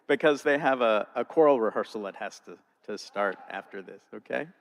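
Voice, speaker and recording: A man hosting a church concert talk, jovial as he gently keeps things on time. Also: on the low side, normal speed, creaky, long reverb tail. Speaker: event host. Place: church sanctuary.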